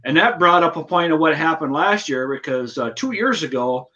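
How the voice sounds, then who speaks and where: A man's voice: a little high, moderate pace, sharp tone. An American man explaining things casually as a lawn care worker in a live chat. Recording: dull lo-fi audio, faint noise.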